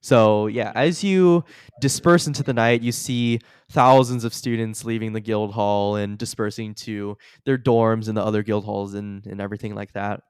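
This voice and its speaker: A man's voice: lowish voice, steady tone, moderate pace, clear, resonant tone, no echo. A young man narrating a tabletop game as game master, casual and laughing often. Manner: casual, laughing, full of fillers.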